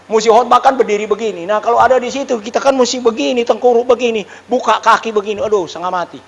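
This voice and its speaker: A middle-aged male pastor preaching a sermon and telling a personal testimony in an animated, exclamatory way, dropping suddenly into quiet asides. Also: very high voice, quick pace, creaky, highs cut off. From Indonesia. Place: church hall. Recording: reverberant church hall.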